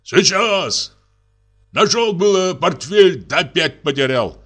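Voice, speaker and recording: A man's voice: high voice, animated, slow pace, fairly bright tone, faint music behind, voice pushed up, exaggerated voice. A man reading aloud and voicing a tipsy, worn-out husband who coaxes, curses and frets. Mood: flustered, frantic. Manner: wheedling, then cursing and exasperated. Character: tipsy, exhausted middle-aged husband, fussy and pleading.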